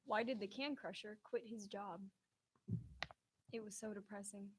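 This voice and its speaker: A woman's voice: mid-range voice, fairly even intonation, a little slow, a little hiss or hum, poor audio. A woman trading dad jokes as a contestant, giving short setups and punchlines. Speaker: joke contestant.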